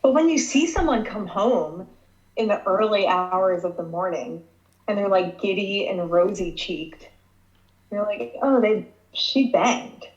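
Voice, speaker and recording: A woman guest on a podcast, chatting in a relaxed, wry way. Her audio is dull and lo-fi and carries a roomy echo. Her pitch sits in the middle. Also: measured pace. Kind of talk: casual chat. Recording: echoey, dull lo-fi sound.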